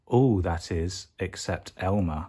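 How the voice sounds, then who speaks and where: The voice is low-pitched, mellow and husky: a man reading a children's picture book as a bedtime story. He goes slowly and expressively, elongating key words to emphasize them.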